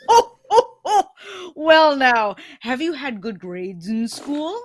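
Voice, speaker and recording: A woman's voice: high voice, huge pitch swings, slow pace, exaggerated voice. A woman playing a jolly old male Santa Claus taking phone orders, cheerful and chuckling in a live radio-play reading.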